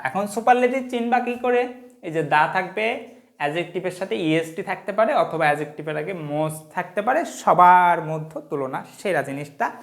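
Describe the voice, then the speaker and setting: A Bangladeshi woman teaching an online English grammar lesson, her voice sitting a little low. She mixes English terms into her Bengali. She keeps pausing to ask whether the students follow and reads example sentences out slowly, one word at a time. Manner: explains step by step, asking students quick check questions.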